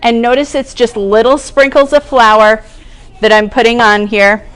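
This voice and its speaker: A woman's voice: on the high side, steady tone, a little slow, fairly bright tone, a little hiss or hum. A woman cooking instructor giving a casual demonstration in a kitchen classroom, chatting through each step as she works. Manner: chatty, explains each step while working.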